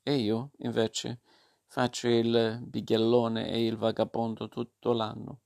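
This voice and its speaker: An eager, naughty puppet boy pleading and promising, read by a man in a gravelly, flat-toned storybook voice. Both the boasts and the promises come out in the same level, creaky tone. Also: medium pitch, slow pace.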